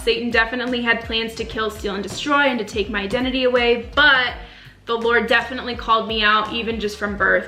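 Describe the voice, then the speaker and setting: A woman's voice: on the high side, bright, forceful tone. A young woman born in Romania, earnestly chatting in a casual sit-down faith vlog, with many ums and likes. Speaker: faith vlogger. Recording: roomy echo with faint music.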